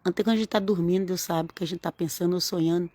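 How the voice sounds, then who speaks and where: A woman's voice: on the low side, fairly even intonation, quick pace, warm tone, no room sound. A woman, giving an informal, earnest sermon-style talk to camera and repeating phrases for emphasis. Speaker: religious vlogger.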